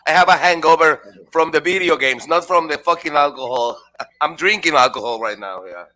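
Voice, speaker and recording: A hoarse man chatting casually on a stream, joking, swearing and laughing often. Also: on the high side, normal speed, pushed and bright, low-quality recording. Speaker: stream participant. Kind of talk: casual chat.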